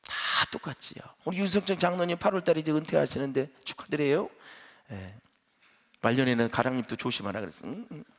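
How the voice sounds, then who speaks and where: A middle-aged male pastor preaching a sermon in an animated, conversational way. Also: fairly high pitch, fast. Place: church sanctuary. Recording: echoey church hall.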